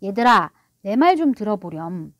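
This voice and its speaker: A woman's voice: fairly high pitch, expressive, moderate pace, no echo, studio quality, close to an everyday voice. A woman voicing a proud, sulky middle-aged father who blusters and gets defensive. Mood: indignant.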